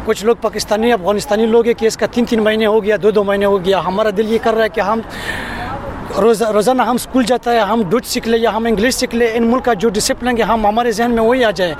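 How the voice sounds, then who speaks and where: High-voiced young Afghan man pleading. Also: fairly even intonation, quick pace, a little hiss or hum. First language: Pashto. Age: 20s. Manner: earnest, pleading, repetitive. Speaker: interviewee. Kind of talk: emotional street interview.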